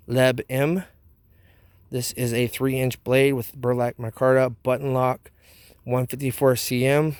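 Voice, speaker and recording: A man's voice: mid-range voice, a little mellow, no echo. A man hosting a casual product review vlog outdoors, talking with a wad of chewing tobacco dip in his mouth. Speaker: knife review channel host.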